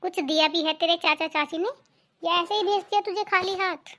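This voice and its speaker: A nagging, greedy mother-in-law from a cartoon family drama, voiced by a woman, with a very high, thin voice. She scolds and jabs with sarcasm. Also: fairly even intonation, moderate pace, bright, forceful tone. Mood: scolding.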